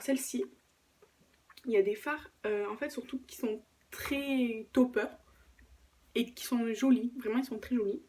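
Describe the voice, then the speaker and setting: A woman with a slightly high voice chats her way through a makeup palette collection at home, filmed on a camera set up on a tripod. She hesitates often and corrects herself as she goes. A steady hiss sits under the recording. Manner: chatty, lots of hesitations and self-corrections. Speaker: beauty vlogger. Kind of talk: casual makeup collection review. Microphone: camera mic on a tripod.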